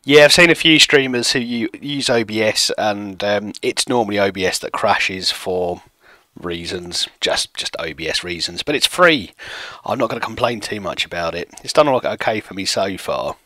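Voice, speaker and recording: A self-mocking man in his late thirties chats with his stream viewers from a desk at home. His voice sits low but has a bright, forceful edge. The sound is close and dry, with no room around it. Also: animated, normal speed, no room sound. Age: 30s. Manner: chatty, self-mocking, reads chat aloud. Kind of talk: casual chat with stream viewers while playing.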